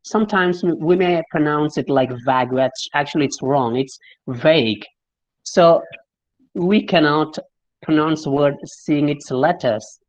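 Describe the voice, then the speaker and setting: A speaking coach from Kerala, India, with a Malayali English accent, gives a friendly online pronunciation lesson, explaining and demonstrating and often spelling words out letter by letter. His voice is on the high side and unhurried. The recording quality is low.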